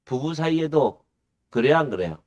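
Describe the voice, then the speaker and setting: A man's voice: on the high side, expressive, moderate pace, a little mellow. A male pastor preaching a sermon. He puts questions to the congregation and answers them himself. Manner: acts out the disciples' pleading in a raised voice.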